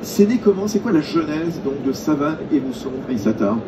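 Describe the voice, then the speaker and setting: A man interviewing guests on a business-event stage, enthusiastic and halting, with many fillers. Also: fairly high pitch, big pitch swings. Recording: distant mic, noisy event.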